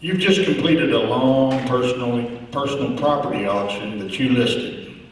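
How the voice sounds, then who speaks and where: A man's voice: medium pitch, measured pace. A man formally reads out prepared questions as a contest judge. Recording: echoey hall, distant, background noise.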